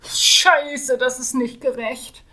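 Whiny, vain young male mage, a woman reading him, high and loud, plaintive. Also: fairly quick, natural voice. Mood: whining. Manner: whining, complaining.

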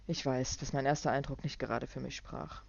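A woman reading a book aloud and voicing a suave hotel magnate who is smooth and calm but cutting when crossed. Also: a bass voice, a little fast, full character voice. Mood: courteous. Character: suave, quietly menacing male hotel magnate. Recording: dull lo-fi dry recording.

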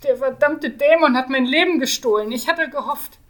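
A woman's voice: fairly high pitch, fairly quick, fairly bright tone, voice pushed up, close to an everyday voice. A woman voicing a vain, complaining young male mage in his mid-twenties, reading him out from a fantasy novel. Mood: whining. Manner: whining, complaining.

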